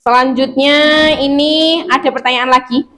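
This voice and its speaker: A woman's voice: high voice, steady tone, normal speed, pushed and bright, poor audio. A woman school counselor, teaching a class and leading call-and-response cheers. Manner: coaxing, repeats questions, leads class cheers.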